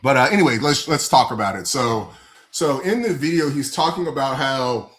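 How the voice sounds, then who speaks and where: A man's voice: medium pitch, animated, normal speed, a bit bright, roomy sound. A man co-hosting a casual sports podcast, talking in a rambling way with many fillers and restarts. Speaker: podcast co-host.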